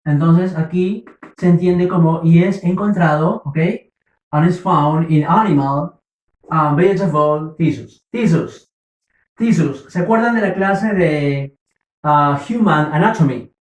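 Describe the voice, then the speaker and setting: Patient man teaching, slow and roomy. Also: a little high, recorded from a distance. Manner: patient, repeats words and checks understanding. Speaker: English teacher. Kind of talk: slow classroom explanation. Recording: roomy, from the mic.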